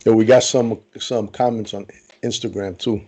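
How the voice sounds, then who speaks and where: A man co-hosting a casual podcast, relaxed, reading out listener comments. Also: lowish voice, normal speed, slightly rough. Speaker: podcast co-host. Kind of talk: casual chat.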